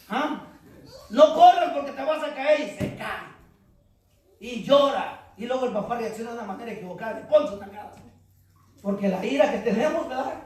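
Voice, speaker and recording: A man preaching a sermon as pastor, rising into shouts and calling for congregation responses. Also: extremely high pitch. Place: church hall. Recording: very echoey hall, mic far off.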